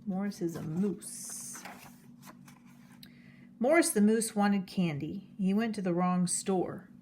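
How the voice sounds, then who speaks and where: A woman reading a children's picture book aloud, telling the story slowly and clearly. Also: medium pitch, dark tone, a little hiss or hum. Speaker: storybook reader.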